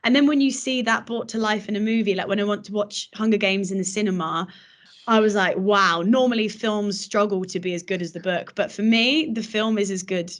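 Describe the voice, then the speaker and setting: Enthusiastic actress talking films. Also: female voice, mid-range voice, a little fast. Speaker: guest, actress. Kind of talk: casual film chat.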